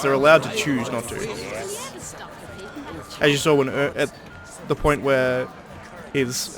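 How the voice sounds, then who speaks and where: A man giving casual, slightly halting let's-play commentary, explaining the game as he plays. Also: mid-range voice. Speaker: gaming channel host. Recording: commentary over game music.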